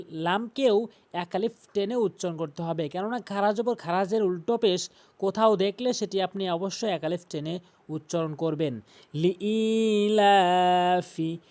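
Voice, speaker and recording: Slow, patient male Quran recitation teacher. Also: high voice, a little mellow. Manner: slow, patient, repeats rules, drawn-out chanted recitation examples. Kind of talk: recitation lesson.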